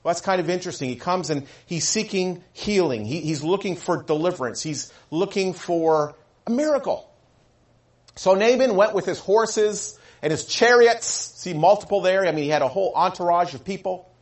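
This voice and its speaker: Animated, high-voiced male preacher. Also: moderate pace. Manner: animated storytelling, acting out quoted voices. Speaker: pastor. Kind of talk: sermon.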